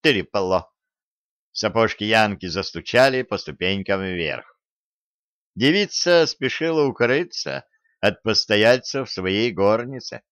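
Slow measured male storyteller. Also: on the low side, animated, fairly bright tone, no echo. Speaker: audiobook narrator. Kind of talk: storybook narration.

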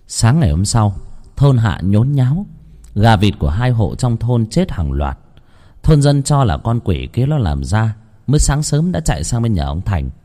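A man narrating a horror story in an expressive, dramatic reading. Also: on the low side, moderate pace.

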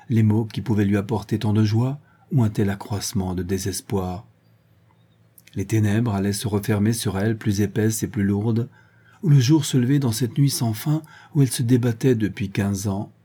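A man reads a classic novel aloud at a measured, even pace. His voice is very dark and mellow, with a husky, breathy edge. The delivery stays steady and literary throughout. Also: lowish voice. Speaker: audiobook narrator. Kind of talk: scripted novel narration.

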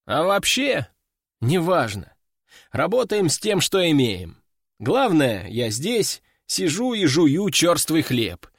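A man's voice: a little high, very animated, takes it slowly, gravelly, no echo, clean studio sound. A man narrating an audiobook in the first person, with a wry, ironic storytelling manner.

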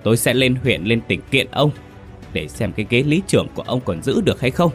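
A man's voice: mid-range voice, sing-song, fairly quick, faint music behind, voice pushed up. A man voicing a young widowed village woman, defiant and enraged, who screams curses through sobs. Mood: furious.

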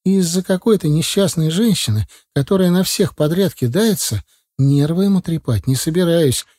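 A man's voice: on the high side, normal speed, mellow, pitched above the performer's own voice, lightly acted. A man reading an audiobook and voicing a young wife, tense and indignant, in a raised voice. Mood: defensive. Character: young woman, defensive, trusting wife.

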